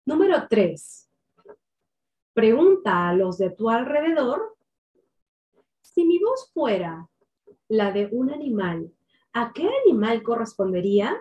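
A woman speaking as a voice and public speaking coach, giving numbered tips in a deliberate, clearly articulated way. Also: a little high, big pitch swings, darkish tone, muffled recording. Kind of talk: instructional tips to camera.

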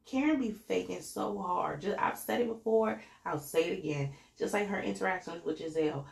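A woman's voice: lowish voice, normal speed, creaky, darkish tone, echoey room. A woman hosting a podcast, talking in a casual, slangy, chatty way with lots of fillers. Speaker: podcast host reviewing a reality show. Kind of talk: casual chat.

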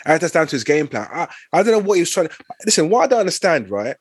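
A man's voice: on the high side, sing-song, rapid-fire, slightly rough. A man with a London accent in a casual debate, insistently repeating himself to hold the floor. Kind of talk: casual debate among friends.

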